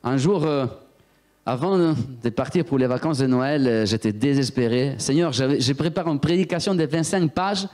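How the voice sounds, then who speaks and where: Man, preacher, sermon, lively storyteller, talks straight to the congregation. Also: mid-range voice, moderate pace. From Italy. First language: Italian. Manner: animated storyteller, acts out voices, talks to the congregation. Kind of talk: sermon with personal testimony.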